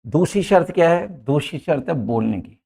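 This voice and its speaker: A man's voice: a little high, animated, normal speed, creaky, dark tone. A man teaching English grammar, explaining step by step, repeating each point and addressing viewers as friends. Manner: points at words on a board as he explains. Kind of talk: explanatory lesson.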